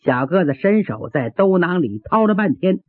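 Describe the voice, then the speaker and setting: Animated male storyteller, tinny sound. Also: high voice, moderate pace, no echo. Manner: animated, dramatic, vivid sound words. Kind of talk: traditional Chinese oral storytelling. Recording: tinny phone-like sound, dry.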